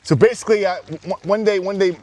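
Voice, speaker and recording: A man's voice: sits high, quick pace, a little mellow, recorded from a distance. A man co-hosting a podcast, telling a rambling, profane story in casual chat with many restarts. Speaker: podcast co-host.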